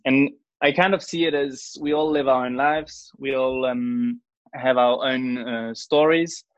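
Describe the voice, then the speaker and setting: A young man from Switzerland, whose accent carries a New Zealand influence, chats earnestly but casually as a podcast guest; he's also a church worship singer. His mid-range voice is unhurried, with fairly even intonation, and the recording sounds dry and dull.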